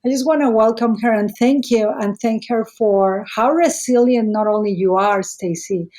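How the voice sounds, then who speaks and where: Fairly high-pitched with a darkish tone, this middle-aged podcast host, a native Spanish speaker with a Mexican accent, opens her show at a moderate pace in a chatty, casual way. She's effusive and prone to digressions, and the recording is rough.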